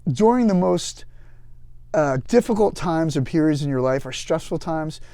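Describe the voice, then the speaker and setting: A man telling war stories as a podcast guest, his voice sitting a bit high yet warm and mellow in tone. He rushes through anecdotes with restarts and repeated words. The sound is close and dry. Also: no room sound. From United States. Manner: lively anecdote-teller with frequent restarts. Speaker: guest, author and veteran. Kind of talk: casual storytelling interview.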